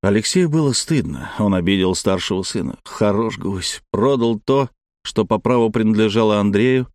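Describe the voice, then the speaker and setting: A man with a lowish voice narrates a scripted audiobook in a measured, even storytelling manner, recorded at studio quality with no room sound.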